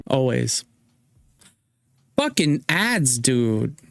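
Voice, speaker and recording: A man's voice: mid-range voice, big pitch swings, creaky, a little hiss or hum. A man with a lisp giving casual, swear-heavy reaction commentary on videos as a streamer. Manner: swears freely, quick short interjections.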